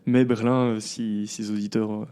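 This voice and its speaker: A man, a company founder chatting casually as a podcast guest, relaxed and full of fillers. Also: fairly low pitch, moderate pace, clear, resonant tone. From southern Belgium. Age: 20s. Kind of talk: casual interview chat.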